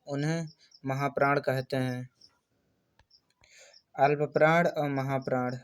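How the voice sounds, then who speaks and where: A man's voice: medium pitch, clean tone. A man teaching an exam-prep lesson, reading out terms one at a time in a list-like way. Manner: slow, list-like delivery of terms.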